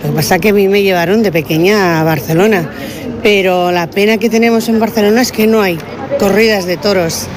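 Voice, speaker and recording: A woman's voice: mid-range voice, a little fast, crowd noise. A woman from Spain giving a chatty, enthusiastic street interview outdoors. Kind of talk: street vox pop. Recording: street noise behind a field recording.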